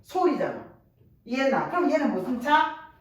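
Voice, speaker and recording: A woman with a teaching a Korean language class, lively and constantly checking whether her students follow. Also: sits high, normal speed. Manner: lively, checks understanding constantly with rhetorical questions. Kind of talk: classroom lecture. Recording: echoey room, voice from a distance, faint noise.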